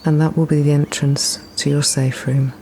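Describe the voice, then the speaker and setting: A woman leading a guided meditation in a soft, breathy, often near-whispered voice, soothing and gently instructing with unhurried pauses. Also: sits low, little pitch movement, a little hiss or hum. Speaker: guided relaxation practitioner.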